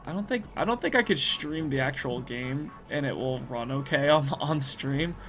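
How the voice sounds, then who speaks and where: A man's voice: mid-range voice, expressive, moderate pace, a bit bright. A man streaming casually, rambling and thinking aloud as he works, laughing often. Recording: music playing behind.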